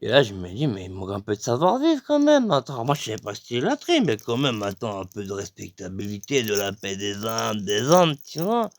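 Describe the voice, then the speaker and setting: A man telling a rambling comic story, full of fillers and sudden jumps in pitch for emphasis. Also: very animated, moderate pace, few pauses, no echo. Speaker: comedian.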